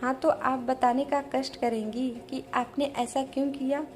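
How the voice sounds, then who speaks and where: A woman's voice: high voice, little pitch movement, a little slow, a little mellow, slight background noise. A woman voicing a stern male college principal in an audio story, strict and commanding.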